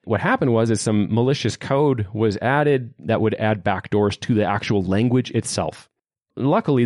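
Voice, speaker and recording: A man's voice: mid-range voice, no room sound, clean studio sound. A man hosting a programming podcast, sharing opinions in a conversational way. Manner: opinionated, conversational, lively emphasis. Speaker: podcast host. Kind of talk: tech podcast talk.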